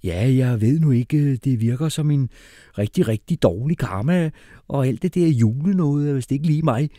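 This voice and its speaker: A man's voice: mid-range voice, expressive, warm tone, dry recording, studio quality, voice pushed up, lightly acted. A man voicing a laid-back male hippie with a drawling way of talking. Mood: fretting. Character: mellow male hippie, worried about karma.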